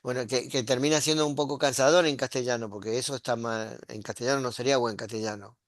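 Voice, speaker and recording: A man's voice: medium pitch, steady tone, fast talker, dry recording, studio quality. A middle-aged man, teaching a Hebrew grammar lesson and often checking in with his students. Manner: patient, explaining step by step with frequent "¿sí?" and "¿ves?" checks.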